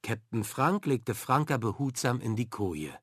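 A man narrating a children's story in an expressive, measured reading. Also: mid-range voice, breathy edge, no room sound, clean studio sound. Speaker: audiobook narrator.

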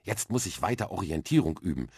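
A man's voice: low voice, sing-song, brisk, creaky, darkish tone, breathy edge, no echo, clean studio sound, heavily acted. A man voicing a bold, impatient and chatty young girl in a children's radio story, cheeky and self-assured.

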